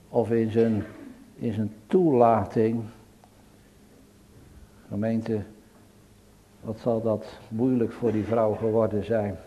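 A man preaching a sermon to his congregation in a church, solemn and pleading, swelling to loud emphatic peaks. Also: mid-range voice, lo-fi sound. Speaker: pastor.

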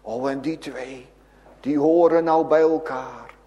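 A man's voice: mid-range voice, fairly even intonation, slow, dark tone, highs cut off. A man preaching in a church, telling a Bible story to a congregation with vivid, emphatic exclamations. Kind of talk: children's sermon storytelling. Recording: echoey church hall.

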